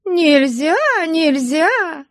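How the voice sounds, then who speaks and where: A woman's voice: sits high, very slow, no echo, clean studio sound, voice pushed up, full character voice. A woman reading a story, voicing a mischievous young woman who scolds and mocks her suitor. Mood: teasing scolding. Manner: scolding, mocking, laughing. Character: young woman, mischievous, teasing, sharp-tongued. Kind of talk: audiobook character voice.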